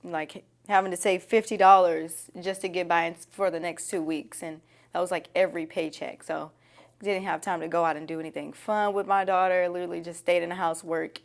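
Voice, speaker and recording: A woman's voice: fairly low pitch, steady tone, fairly quick. A woman giving candid, conversational answers as an interviewee. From Nashville, Tennessee.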